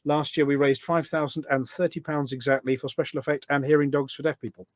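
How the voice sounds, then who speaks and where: His voice sits a little high and stays level as he talks at a quick pace. He's a British charity event organiser appearing as a podcast guest, swapping casual stories with enthusiasm, stressing his points and repeating phrases often.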